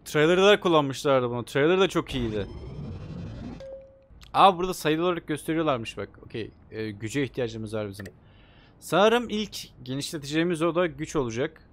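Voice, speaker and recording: A young man playing a video game, commenting excitedly and joking as he talks to the characters on screen. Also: on the high side, normal speed, a little hiss or hum. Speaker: gaming YouTuber. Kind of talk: let's play commentary.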